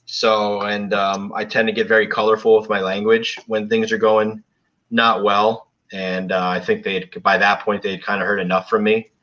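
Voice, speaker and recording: Recorded at home in South Florida, a podcast co-host chats casually on a football reaction show, rambling with lots of restarts. His voice is fairly low and sharp in tone, level, at normal speed, and the sound is lo-fi.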